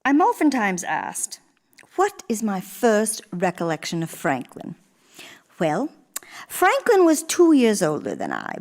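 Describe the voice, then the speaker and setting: In a theatrical radio monologue, a stage actress takes on the role of a genteel former First Lady in old age. Gracious and reflective, she crafts her phrasing with care while her slightly mellow voice rises and falls expressively across a wide range. The mood is nostalgic.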